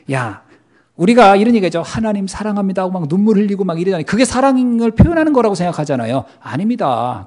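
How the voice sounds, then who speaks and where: A man preaching a sermon, who swings between loud emphasis and hushed asides and acts out the quoted dialogue. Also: high voice. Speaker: pastor.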